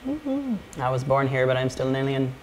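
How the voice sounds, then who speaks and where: A man's voice: medium pitch, sing-song, normal speed, darkish tone. Joking man hosting a maker show. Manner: joking, laughs often. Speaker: co-host demonstrating electronics projects. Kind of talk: casual live show chat.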